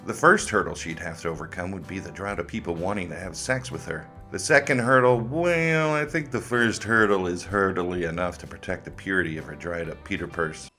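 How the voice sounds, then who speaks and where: A man's voice: low-pitched, a little fast, hardly any pauses, sharp tone, faint music behind. A man hosting comic reaction commentary in a sarcastic, mocking way. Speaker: host of a commentary video.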